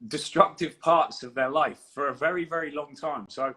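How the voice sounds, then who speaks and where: A man's voice: on the high side, fairly even intonation, moderate pace, bright, forceful tone, poor audio. A man co-hosting a podcast, explaining nutrition in a confident, emphatic coaching manner. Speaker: fitness coach and podcast co-host.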